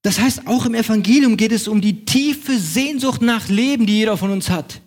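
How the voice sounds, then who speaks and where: High-voiced German preacher man. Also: normal speed. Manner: emphatic, repetitive preaching cadence. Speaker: pastor. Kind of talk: sermon.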